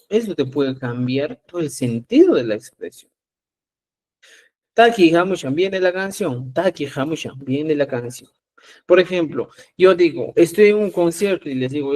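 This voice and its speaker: A man's voice: a little high, warm tone. Patient Peruvian man teaching a class. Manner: patient, repeats "¿ya?" to check understanding. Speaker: Quechua teacher. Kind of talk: live online class.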